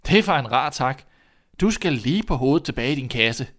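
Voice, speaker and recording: A man's voice: medium pitch, animated. A man voicing a fearless, cocky young lad in a storybook reading, answering boldly and cheekily. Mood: defiant. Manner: bright, bold, cheeky replies.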